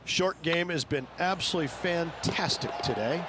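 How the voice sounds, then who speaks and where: A man's voice: a little high, moderate pace, close to an everyday voice. A man playing a knowledgeable golf analyst in a video game, describing the course in an explanatory broadcast style. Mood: matter-of-fact. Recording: outdoor crowd noise and ambience behind.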